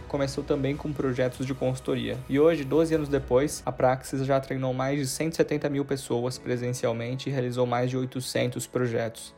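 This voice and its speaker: A man from Brazil hosts a podcast in a mid-range voice. His delivery is polished and upbeat, the manner of a practiced presenter. Faint music plays softly behind him. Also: medium pitch, creaky. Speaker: podcast host. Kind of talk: scripted intro and interview.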